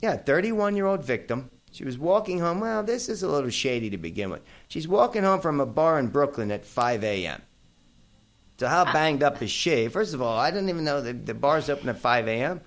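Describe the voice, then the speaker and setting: Radio host, man in his 50s, New York accent, lively gravelly delivery, brash talk-show banter. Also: fairly high pitch, brisk. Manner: brash and animated, addressing listeners as folks. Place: radio studio.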